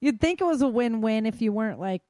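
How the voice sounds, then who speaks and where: A podcast host gives a casual, chatty news roundup of world weather and disasters in colloquial style. Her fairly high voice is expressive, quick and warm, with no echo.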